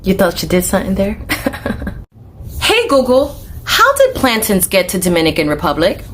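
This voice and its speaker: A woman giving critical commentary in a sharp, sarcastic and articulate voice. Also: mid-range voice, huge pitch swings, normal speed, slight background noise.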